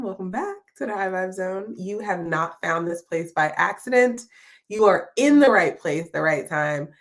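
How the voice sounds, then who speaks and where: Low-voiced woman hosting a live podcast. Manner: warm and encouraging, reflective, with frequent ums. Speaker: podcast host. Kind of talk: live-streamed podcast talk.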